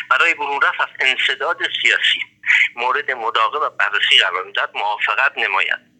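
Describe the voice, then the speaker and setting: A man's voice: mid-range voice, bright, forceful tone. A man with an Iranian accent delivers a prepared political statement as a formal, oratorical voice message over a telephone line. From Iran. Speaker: political prisoner, party secretary-general. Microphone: telephone handset. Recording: harsh, thin prison telephone line.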